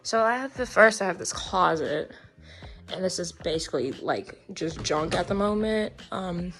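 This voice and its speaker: A woman giving a casual tour of her room, chatty and soft-spoken, a little out of breath. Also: on the low side, lively intonation, normal speed, faint music behind. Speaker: nail content creator.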